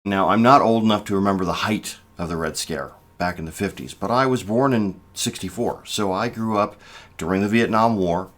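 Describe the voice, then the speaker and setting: Man in his fifties, low-pitched voice, vlog commentary, measured, halting, emphatic stresses. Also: a bit bright. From United States. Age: 50s. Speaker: political vlogger. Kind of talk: casual spoken commentary.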